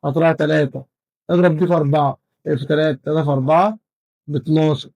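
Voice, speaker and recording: A man's voice: fairly high pitch, fairly even intonation, fast talker, darkish tone, no room sound, poor audio. A man with an Egyptian Arabic accent teaching an exam-prep math lesson, counting values aloud step by step.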